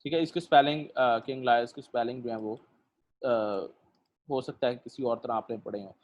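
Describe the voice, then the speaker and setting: A male lecturer, teaching a literature class online, explaining slowly with many pauses and fillers and putting questions to his students. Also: mid-range voice, a little mellow, dull audio.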